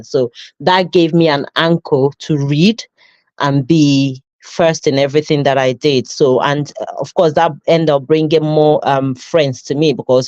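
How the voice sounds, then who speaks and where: A Nigerian woman in her thirties, a custody nurse, tells her life story in an interview, reflective and filled with fillers, restarts and self-corrections. Her deep, slightly mellow voice has no room sound, in a dull lo-fi recording.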